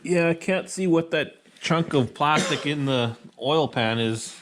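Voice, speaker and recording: A man chats casually as co-host. His speech is slow and halting. He keeps restarting his sentences. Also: a little high, fairly bright tone, slight background noise. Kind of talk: casual chat.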